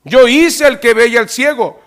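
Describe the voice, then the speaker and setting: A pastor preaching a sermon in a church, animatedly acting out Bible dialogue with loud rising peaks. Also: male voice, extremely high pitch, normal speed.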